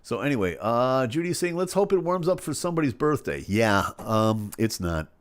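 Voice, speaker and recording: A man from the Chicago area hosts his live stream while fighting a head cold, reading viewer comments aloud in a casual, joking way. His voice is mid-range and moderately paced, and his playful, animated delivery breaks into sudden loud bursts.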